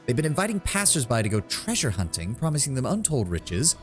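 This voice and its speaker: A man voicing an energetic female scout in a fantasy game, reporting in a folksy, plain-spoken way. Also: medium pitch, fairly quick, faint music behind, close to an everyday voice. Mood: wary, matter-of-fact. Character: brisk, energetic female scout reporting trouble to her commander. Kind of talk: fantasy game dialogue read aloud.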